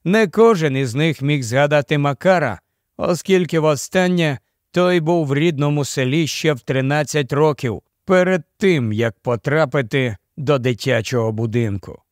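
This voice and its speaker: A man narrates a dark crime novel at a measured, steady pace. His voice sits somewhat high for a man, recorded close on a dry studio mic with no room sound. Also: no room sound. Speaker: audiobook narrator. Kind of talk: dramatic audiobook narration.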